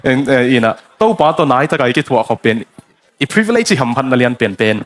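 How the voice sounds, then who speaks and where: A man's voice: mid-range voice, sing-song, quick pace. A man preaching a sermon, building emphasis and dropping in English phrases.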